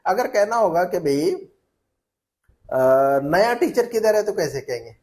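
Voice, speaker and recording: A man's voice: sits high, animated, unhurried, a little mellow. A male Arabic teacher running a spoken drill, patiently repeating phrases and prompting students by name. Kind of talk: classroom language drill.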